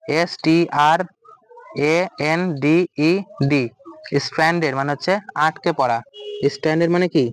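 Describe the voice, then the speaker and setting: A man's voice: a little high, fairly even intonation, normal speed, clean tone, poor audio. A man with a Bengali accent teaching an exam-prep vocabulary lesson, asking questions and answering them himself. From West Bengal, India.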